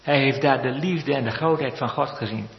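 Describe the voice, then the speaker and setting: A man preaching a sermon in a church, slow and measured with solemn repetitions. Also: medium pitch, creaky. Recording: echoey church hall, lo-fi sound.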